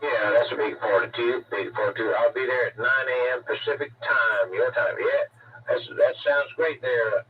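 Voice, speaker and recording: A man chatting casually over a mistuned sideband CB radio, rambling and halting with lots of fillers. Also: mid-range voice. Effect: mistuned sideband CB radio transmission. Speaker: CB radio operator. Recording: tinny, distant, noisy radio signal.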